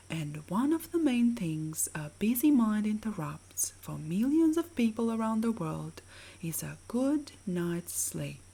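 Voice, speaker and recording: A woman with a soft, breathy, mid-range voice narrates a scripted guided sleep meditation. She sounds soothing and measured, gently instructing the listener.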